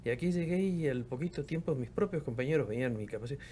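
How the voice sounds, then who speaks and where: Here the Patagonian professor and researcher, a man in his fifties, talks quickly and with animation at a medium pitch, his tone mellow. As an interview guest in casual conversation, he muses reflectively and repeats words while groping for them, over slight background noise.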